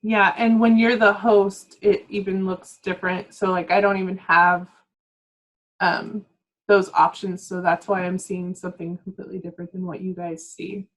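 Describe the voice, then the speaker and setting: A woman's voice: medium pitch, little pitch movement, moderate pace, poor audio. A woman leading a staff training session over a video call, explaining step by step in a patient, casual way. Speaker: workshop presenter.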